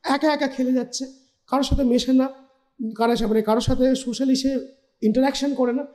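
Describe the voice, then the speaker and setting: A man's voice: very high voice, steady tone, fast talker, a little mellow. A male doctor, patiently explaining a health topic point by point on a TV interview and mixing in English terms.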